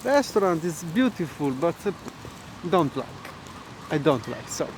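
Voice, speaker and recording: A man who is not a native English speaker gives casual walking-tour commentary in halting, repetitive, simple broken English, as a travel vlogger. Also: a little high, sing-song. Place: outdoors, walking in a city park. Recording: loud wind and outdoor noise.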